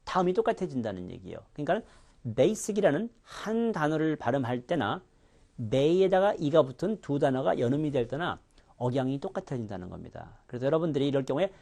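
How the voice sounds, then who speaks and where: A man's voice: fairly high pitch, sing-song, fairly quick, vocal fry, warm tone. A man teaching English pronunciation in a recorded lecture, demonstrating sounds with exaggerated contrasts.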